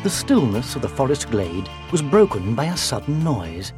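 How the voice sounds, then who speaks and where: A storyteller reading a children's tale aloud in an expressive way, dropping into whispers for effect. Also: medium pitch, normal speed, music in the background. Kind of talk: storybook narration.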